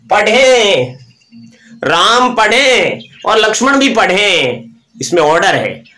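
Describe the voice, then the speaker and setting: A man's voice: high-pitched, big pitch swings, slow, pushed and bright, reverberant. A man teaching an online grammar lesson, reciting verb forms aloud and asking and answering his own questions.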